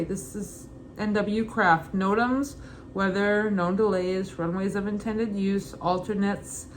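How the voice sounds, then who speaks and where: A young woman with a Brooklyn accent reads study material aloud in an informal, halting way, adding casual asides. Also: medium pitch. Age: young adult. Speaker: student pilot reading an exam guide. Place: kitchen at home, indoors. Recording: clearly noisy home room ambience.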